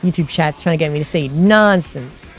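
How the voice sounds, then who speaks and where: Guy streaming and ranting to chat, kinda high voice, says like a lot, stumbles and restarts, exasperated. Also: moderate pace, faint music behind. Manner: rambling, lots of "like" and restarts; grows heated and exasperated. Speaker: livestream host. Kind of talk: casual chat with stream viewers.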